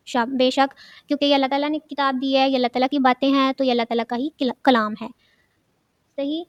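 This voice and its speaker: A woman's voice: sits high, clear, resonant tone, dry recording, lo-fi sound. A woman teaching a children's religious studies lesson, asking questions and then answering them herself, often repeating key words.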